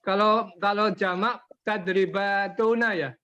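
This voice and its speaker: A man's voice: high-pitched, steady tone, a little slow, sharp tone. A man answering as a student in an online class, hesitant and thinking aloud. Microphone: video call. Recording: muffled video-call audio.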